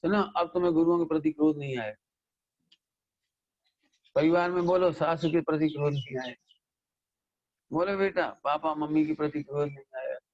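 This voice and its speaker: A man gives a lively scripture discourse, scolding and questioning his listeners. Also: on the high side, normal speed, pauses often, muffled recording. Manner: animated, scolding, mimics listeners and asks them questions. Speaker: Jain scholar giving a scripture discourse. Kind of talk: sermon.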